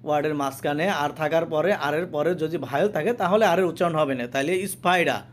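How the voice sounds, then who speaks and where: A man teaching English pronunciation, repeating each word and its meaning twice in a slow, patient explanation. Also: on the high side, slight background noise. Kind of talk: spoken language lesson.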